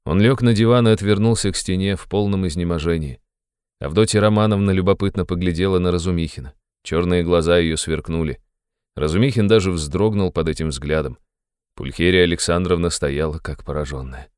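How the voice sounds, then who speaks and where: A man narrating a classic novel in a measured, even reading voice. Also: low voice, clean tone, dry recording, studio quality. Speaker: audiobook narrator.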